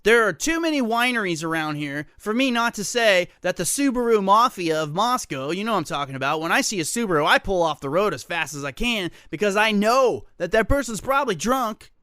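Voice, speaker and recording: A man's voice: sits high, animated, brisk, hardly any pauses, sharp tone, smooth, dry recording, studio quality. A man hosting a solo talk radio show, reading local news stories and ranting about them with sarcastic, joking asides. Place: radio studio.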